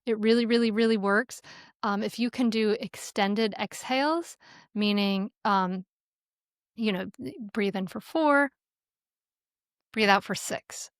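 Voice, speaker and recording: A middle-aged woman in an interview, giving parenting advice in an animated, storytelling way, often laughing and restarting her sentences. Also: mid-range voice, slow pace, pauses often, clear, resonant tone, no room sound, clean studio sound. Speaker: parenting guest.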